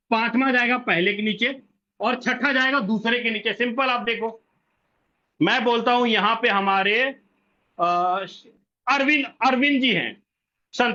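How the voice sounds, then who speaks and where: A man's voice: very high-pitched, pushed and bright. A man explaining a plan step by step at a whiteboard, repeating himself and answering his own questions, on a dull lo-fi recording. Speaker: presenter explaining a referral plan.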